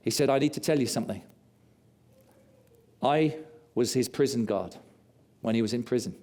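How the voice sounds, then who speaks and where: A man preaching a sermon, telling stories with passion and dropping low and quiet for confession. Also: normal speed. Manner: impassioned storytelling, rising loud on key lines.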